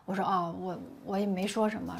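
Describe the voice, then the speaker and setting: An actress playing a middle-aged wife and mother, explaining herself in a rapid, flustered way. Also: mid-range voice, steady tone, creaky, husky. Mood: defensive.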